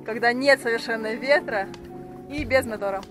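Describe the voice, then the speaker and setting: A woman's voice: on the high side, normal speed. Chatty woman vlogging from a sailboat. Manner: chatty, upbeat, with hesitant fillers. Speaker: sailing vlogger. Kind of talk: casual vlog narration. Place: deck of a sailing yacht at sea, outdoors. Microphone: action camera held at arm's length. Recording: loud music under the voice. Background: loud music.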